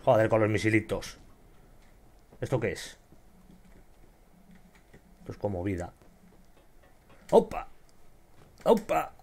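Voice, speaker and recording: A young man with a Spain Spanish accent commenting on his gameplay, excitable and swearing often as he shouts at enemies. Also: lowish voice, slow pace, pauses often. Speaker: gamer.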